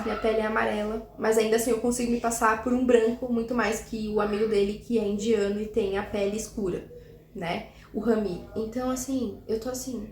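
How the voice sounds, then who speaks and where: Young woman book vlogger, higher voice, chatty and animated, recorded in an echoey room. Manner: chatty, animated, many restarts and laughs. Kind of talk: casual book review chat.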